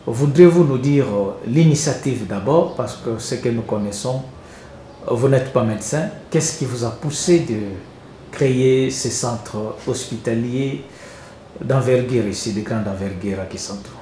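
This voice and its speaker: A man asks polite interview questions in a mellow, dark tone. He halts often on fillers. The room is echoey, with a faint hiss underneath. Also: mid-range voice. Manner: polite, halting with many "euh" fillers.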